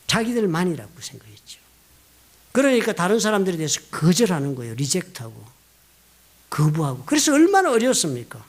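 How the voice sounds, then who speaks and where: A middle-aged man from South Korea, a pastor preaching a sermon in a church, telling personal stories with lively emphasis. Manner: storytelling, animated, rising emphatic pitch, quoting others. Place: church sanctuary.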